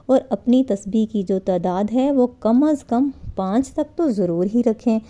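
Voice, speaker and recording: A woman giving an earnest religious lecture on prayer, exhorting her listeners and slowing down to model careful recitation. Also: fairly high pitch, animated, dark tone. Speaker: Islamic preacher. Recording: dull lo-fi recording.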